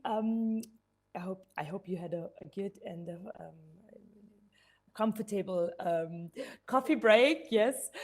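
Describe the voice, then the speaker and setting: A woman's voice: on the high side, darkish tone. Hesitant woman moderating a webinar. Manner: hesitant, many ums and restarts. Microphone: headset.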